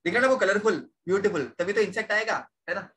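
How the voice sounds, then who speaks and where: A man's voice: high-pitched, fast talker, fairly bright tone, slight background noise. A young man teaching a science class, repeating questions to his students and mixing in English terms. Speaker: science tutor. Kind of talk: online class lecture.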